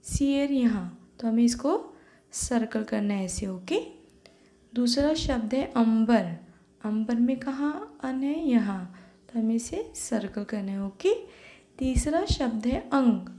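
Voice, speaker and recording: A woman's voice: fairly high pitch, animated, slow pace, warm tone. A young adult woman, teaching young children step by step and checking in with "okay" after each point, often slipping English words into her talk. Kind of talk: online class lesson for young children. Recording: echoey room.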